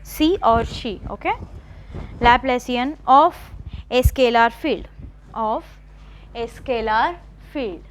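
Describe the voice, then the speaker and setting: A woman college math lecturer, dictating notes slowly and repeating phrases, often checking with the class. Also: fairly high pitch, a little hiss or hum. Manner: repetitive, slow dictation with checking questions.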